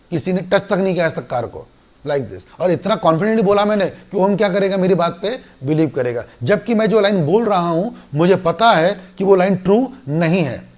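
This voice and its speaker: Animated Indian male law lecturer. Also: sits high. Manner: animated, acts out student dialogues. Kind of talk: online class lecture.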